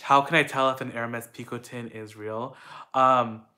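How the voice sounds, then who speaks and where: Speaking a little slowly, this young man from the Philippines fields viewer questions in a relaxed at-home Q&A chat. His delivery is upbeat and full of fillers, and his mid-range voice sounds steady, pushed, and bright.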